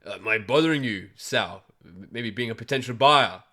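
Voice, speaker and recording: A man's voice: medium pitch, normal speed, pushed and bright. A man playing a sarcastic adventurer. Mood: needling. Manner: sarcastic, needling. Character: pushy male adventurer haggling, mock-polite.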